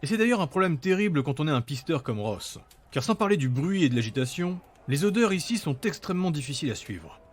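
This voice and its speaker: A man's voice: on the high side, big pitch swings, fast talker, few pauses. A man reading scripted narration for a fantasy audio story.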